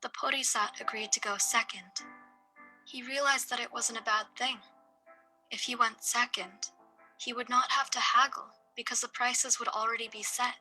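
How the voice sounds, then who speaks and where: Storyteller: woman with a very bright, fairly high voice, reading a fable. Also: soft background music, poor audio. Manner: steady, measured storytelling. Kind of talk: reading a folk tale aloud.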